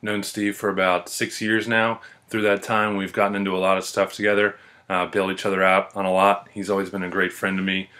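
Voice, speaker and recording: A young man casually telling funny stories about a friend to the camera, relaxed and amused, with plenty of ums and uhs. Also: sits low, a little fast. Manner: laid-back, amused, with filler ums and uhs. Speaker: friend giving a video tribute.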